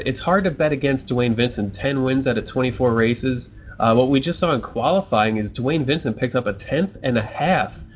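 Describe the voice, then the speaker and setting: Faint noise sits behind a man with a mid-pitched voice. He works as a motorsport co-commentator, giving analysis in a broadcast style.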